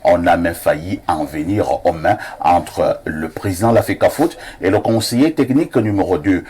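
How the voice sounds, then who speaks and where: A man, commenting on the news as a TV presenter, pausing often with filler sounds. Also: low-pitched, darkish tone, a little hiss or hum. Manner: hesitant, many filler sounds. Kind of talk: studio commentary.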